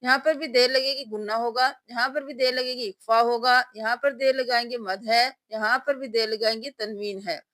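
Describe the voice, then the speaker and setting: A woman teaching Quran reading in a tajweed lesson, spelling out each letter and then reciting the word slowly and drawn out. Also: fairly high pitch, steady tone, a bit bright, no room sound.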